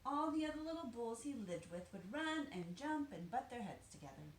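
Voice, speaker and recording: Female children's storybook reader, animated and expressive, dramatic emphasis, roomy sound. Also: fairly high pitch, moderate pace. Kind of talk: expressive read-aloud of a children's picture book. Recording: roomy echo, faint background noise.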